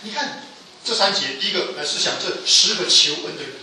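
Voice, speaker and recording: A man preaching a sermon with emphatic delivery, his voice rising to loud pleas and falling low again. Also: lively intonation, a little fast, a little hiss or hum. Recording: echoey hall from a distance.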